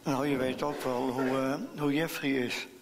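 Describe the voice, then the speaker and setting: A man's voice: medium pitch, steady tone, measured pace, in a large hall, noisy background, natural voice. A man voicing a sulky, anxious young schoolgirl in a children's story, with a plaintive, sulky manner. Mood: upset.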